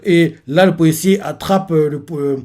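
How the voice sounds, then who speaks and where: A man hosting a live reaction stream, recapping a manga chapter panel by panel. He rambles and leans on fillers as he goes, in a voice that sits a little high for a man. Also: normal speed, a little mellow. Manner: rambling, filler-heavy retelling.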